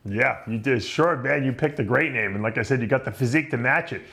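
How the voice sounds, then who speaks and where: Hosting a laid-back interview chat, a middle-aged New Yorker talks fast in a mid-range voice with vocal fry and a pushed, bright quality. He's chatty, laughs readily and keeps restarting his sentences.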